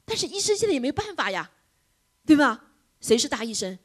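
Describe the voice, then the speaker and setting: A middle-aged woman preaching a sermon, switching between loud exclamations and hushed whispers. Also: high voice, big pitch swings, a little fast.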